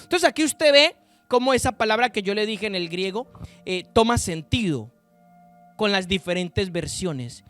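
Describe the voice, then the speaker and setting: A man preaching a sermon, reading Bible verses slowly and with emphasis, and addressing the listeners directly. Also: animated, fairly bright tone, soft background music. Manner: slow, emphatic scripture reading with sudden pitch rises and drops.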